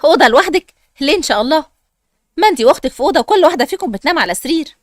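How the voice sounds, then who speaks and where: A woman's voice: sits high, lively intonation, very fast, no room sound. A woman with an Egyptian accent playing a strict, tired mother who scolds her daughters impatiently, in a dry recording. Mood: stern. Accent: Egyptian Arabic.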